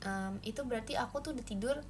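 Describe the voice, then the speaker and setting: A woman's voice: fast talker, slight background noise. A young woman hosting a casual livestream, playfully chatting with viewers and answering their comments. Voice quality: says her own voice gets shrill when loud. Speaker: idol livestream host. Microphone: phone livestream.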